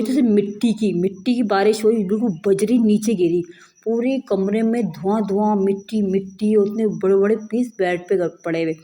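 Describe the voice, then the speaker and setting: A woman's voice: medium pitch, mellow. A woman in her thirties from Pakistan, telling a personal story in an earnest home vlog, filming on a handheld phone indoors and often stressing "believe me". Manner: earnest, emphatic retelling, often repeating "believe me". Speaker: vlogger, mother.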